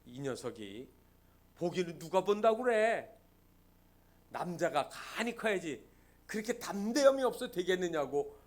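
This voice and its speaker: A pastor voicing a gruff, impatient father who scolds his son in a sermon story. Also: sits high, very animated, measured pace, pauses often. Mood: gruff low.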